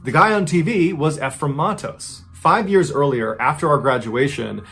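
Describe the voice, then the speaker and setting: A man's voice: a little high, normal speed, gravelly, a bit bright, breathy edge, soft background music. A man in his thirties, an American podcast host, narrating a true story in a conversational, scripted first-person style. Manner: conversational, chains sentences with "and so".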